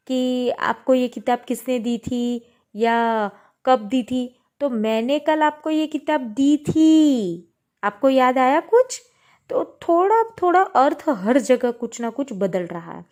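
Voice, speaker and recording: A woman's voice: high-pitched, darkish tone. A woman teacher explaining a textbook lesson, patiently reading example sentences aloud with stress on different words. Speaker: Hindi teacher.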